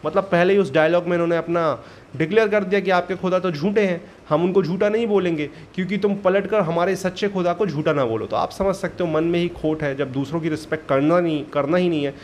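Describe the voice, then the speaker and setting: A man's voice: high voice, brisk, a little hiss or hum. Rambling male reaction-channel host. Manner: rambling, conversational, with fillers. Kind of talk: casual commentary to camera.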